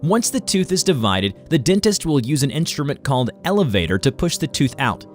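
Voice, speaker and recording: A man's voice: a little high, big pitch swings, brisk. A man reading a scripted educational medical explainer in a formal, instructional way. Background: music.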